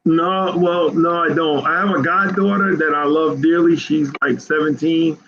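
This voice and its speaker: A man in his fifties, an author, answering interview questions in an earnest, halting way, often repeating words. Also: a little high, fairly even intonation, lo-fi sound, crowd noise. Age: 50s. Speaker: author as guest.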